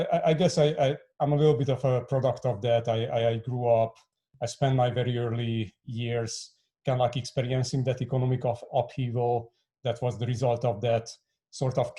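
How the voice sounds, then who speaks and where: A man in his forties from Hungary speaks as a podcast guest with a mellow, warm tone. He stumbles into his sentences with repeated words and fillers, at an easy middle pitch. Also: level tone, moderate pace. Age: 40s. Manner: many restarts and fillers, stammering repeats. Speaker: guest, fintech co-founder. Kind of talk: podcast interview.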